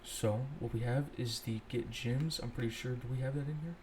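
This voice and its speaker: A man's voice: mid-range voice, steady tone, a little fast, darkish tone, slight background noise. A young man casually walking through a coding tutorial, thinking aloud and correcting himself as he goes. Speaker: scripting tutorial host. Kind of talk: casual screen-recorded coding walkthrough.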